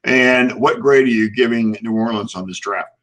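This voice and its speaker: A man hosting casual sports talk in a halting way, often repeating words as he goes. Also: mid-range voice, a crowd in the background, low-quality recording. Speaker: sports show host.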